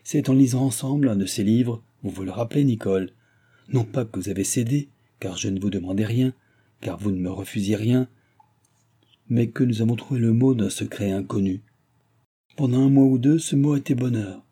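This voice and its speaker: A man's voice: mid-range voice, normal speed, warm tone, breathy edge, natural voice. A man playing a cold, arrogant young man who lectures with disdain in a read-aloud novel. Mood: disdainful.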